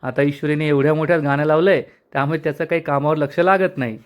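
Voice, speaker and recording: Man narrating a serial recap, higher voice. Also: fairly even intonation, fast. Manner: retells scenes acting out each character's lines. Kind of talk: storytelling episode recap.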